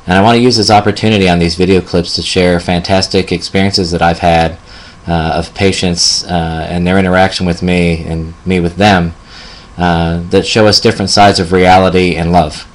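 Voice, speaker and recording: A man in his fifties, a hospice nurse, telling a personal story gently with many fillers. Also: low voice, little pitch movement, normal speed. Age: 50s.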